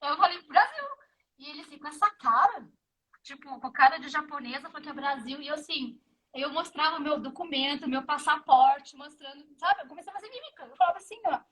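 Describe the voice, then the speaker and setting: High-voiced Brazilian woman telling a lively story. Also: brisk, rough recording. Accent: Brazilian Portuguese. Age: 50s. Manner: animated storyteller who acts out the dialogue. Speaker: guest. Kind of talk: casual interview chat.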